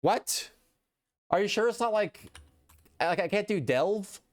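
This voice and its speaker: Guy live streaming, rambly chat with viewers, super animated voice that jumps all over. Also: high-pitched, unhurried. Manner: rambling, talks to chat and reads posts aloud.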